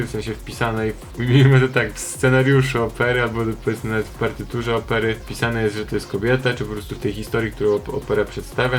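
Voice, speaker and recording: A young man giving casual, digressive commentary with a sarcastic edge. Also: medium pitch. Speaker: video commentator.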